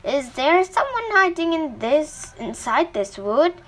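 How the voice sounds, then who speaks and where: A woman's voice: sits high, animated, slow pace, pushed and bright, heavily acted. A woman voicing an easily startled old male carpenter who shrieks and jokes, in a children's storybook reading. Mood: jumpy. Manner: shrieking, jokey, defensive.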